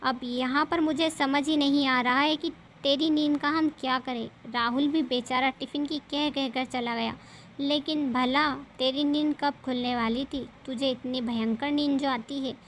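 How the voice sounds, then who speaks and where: A woman voicing a sharp-tongued older mother-in-law who scolds and complains. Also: sits high, steady tone, normal speed, a little hiss or hum. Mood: scolding. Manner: nagging, exasperated complaining.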